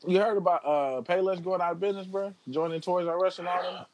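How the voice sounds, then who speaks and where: A man's voice: high voice, fairly even intonation, fast talker, slight background noise. A man in playful, teasing casual chat full of slang.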